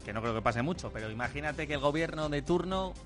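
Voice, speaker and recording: A man's voice: fairly high pitch, animated, fast, a bit bright, soft background music. A man with a Castilian Spanish accent, a radio sports journalist, chatting casually with wry, colloquial opinions. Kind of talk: casual studio chat.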